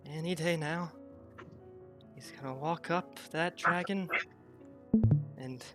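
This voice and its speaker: A game master voicing a tiny, frightened kobold child in a soft, shaky voice during a tabletop role-play. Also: medium pitch, slow, soft background music, voice pushed up. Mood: hopeful. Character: tiny frightened kobold boy, shy and hopeful.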